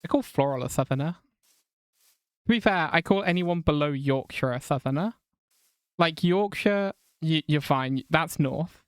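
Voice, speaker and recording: An English woman with a blend of southern and northern accents chats casually while streaming a game, swearing now and then and reading chat aloud. Her voice is low-pitched and unhurried, captured as a dry recording with clean studio sound.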